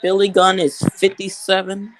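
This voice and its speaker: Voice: mid-range voice, monotone, normal speed, a bit bright, a little hiss or hum, poor audio. A wrestling watch-along panelist making jokes in casual chat. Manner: joking, wisecracking.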